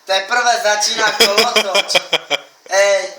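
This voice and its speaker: A man's voice: high voice, steady tone, over a noisy crowd. A young man rambling to the camera in a brash, crude, taunting way. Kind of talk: rambling boastful monologue to camera. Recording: echoey room, mic at a distance, faint hiss.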